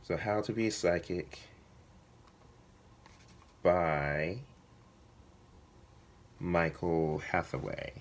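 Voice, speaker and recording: A man with a hoarse voice that is giving out, talking casually to viewers as a vlogger, halting and correcting himself as he thinks aloud. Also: low voice. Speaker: video blogger, writer. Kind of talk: casual vlog talk to viewers.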